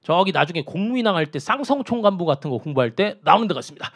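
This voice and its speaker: A male lecturer with a fairly high voice that swings up and down all the time. He teaches in a drilling, question-and-answer way, repeating each key term and checking in with his students again and again. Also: big pitch swings, racing, fairly bright tone. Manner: asks students questions and answers them himself; repeats key terms for emphasis. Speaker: Korean history lecturer. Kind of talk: exam-prep lecture.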